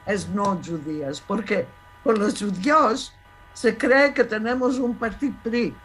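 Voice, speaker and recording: Speaking slowly in a medium-pitched voice that is a bit bright and husky, this guest historian from Thessaloniki, Greece, is in her seventies. Her Salonica Judeo-Spanish accent comes through as she insists emphatically on her points in a conversational interview, frequently starting phrases over.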